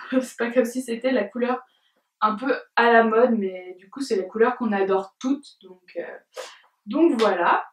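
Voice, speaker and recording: A young woman chatting casually in a beauty tag video, hesitant with many fillers and giggles, filmed at home by a camera at some distance. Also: fairly high pitch. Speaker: beauty vlogger. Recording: roomy sound from a distance.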